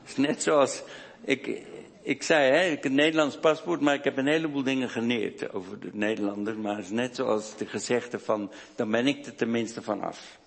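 A man preaching a sermon, speaking slowly and deliberately, with hesitations and restarts. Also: medium pitch, steady tone, gravelly. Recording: long hall reverb.

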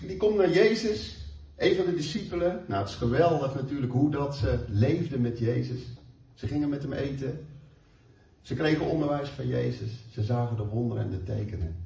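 A man preaching a sermon, emphatic, moving between slow stressed phrases and quick asides. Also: medium pitch, gravelly, dark tone. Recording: echoey, distant, dull room sound.

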